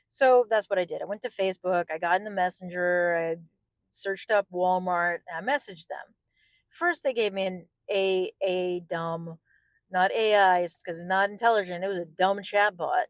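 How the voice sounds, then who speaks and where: A woman's voice: on the low side, dry recording. Exasperated woman on a casual rant, dry sound. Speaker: vlogger. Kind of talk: casual spoken rant about a consumer complaint.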